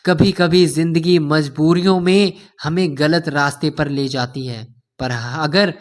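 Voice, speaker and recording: A man's voice: on the high side, a bit bright. A man narrating an emotional cartoon story in a heartfelt way, often addressing listeners as friends.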